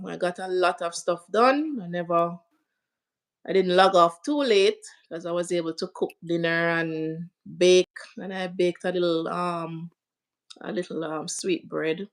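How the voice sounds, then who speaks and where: A woman's voice: fairly low pitch, low-quality recording. A woman hosting a casual livestream, chatting and greeting viewers by name. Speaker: livestream host.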